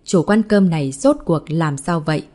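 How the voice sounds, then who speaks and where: Low, mellow-voiced woman narrator. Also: moderate pace. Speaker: audiobook narrator. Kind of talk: scripted novel narration.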